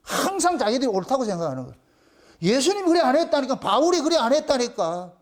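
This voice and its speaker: Brief: middle-aged pastor, high-pitched voice, insistent preaching that hammers points twice. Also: male voice, sing-song. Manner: emphatic, repeating phrases with rising insistence; briefly sings a slow hymn line. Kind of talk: sermon.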